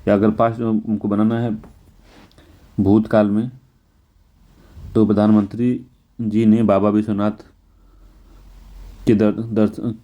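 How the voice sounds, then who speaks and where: Slow, careful Hindi tutor, deep mellow man. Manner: repetitive, self-correcting, often says "ठीक है"; slows and stretches words to spell them out. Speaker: exam prep teacher. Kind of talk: Hindi spelling lesson walking through test answers.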